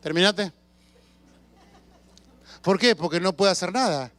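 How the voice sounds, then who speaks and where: Preacher guy, high clear voice, tells stories w/ yells and asks the crowd stuff, dry sound. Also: measured pace, no echo. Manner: storytelling with shouts and sound effects; asks the congregation questions. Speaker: pastor. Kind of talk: sermon. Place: church.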